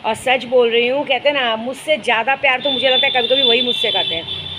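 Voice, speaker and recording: Over very noisy audio, a woman with a fairly high voice and moderate pace chats casually to her followers as a spiritual guide. She tells stories in a vlog style, adding fond asides.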